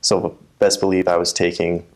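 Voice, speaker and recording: A man's voice: low-pitched, monotone, moderate pace. A young man from the USA talking casually as an interview guest, often restarting and repeating words. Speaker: guest, telemark ski racer.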